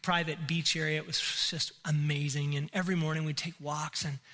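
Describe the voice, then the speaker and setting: Animated middle-aged man preaching in a big hall. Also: on the high side, a little fast. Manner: animated, acts out the story with big swings from loud to hushed. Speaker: pastor. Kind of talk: sermon storytelling. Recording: long hall reverb.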